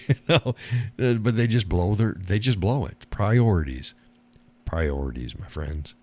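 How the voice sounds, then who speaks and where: A low-pitched man talks casually on his own live stream. He is blunt and rambling, curses freely, laughs between remarks, and jumps up high to mimic other people. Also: animated, measured pace, darkish tone.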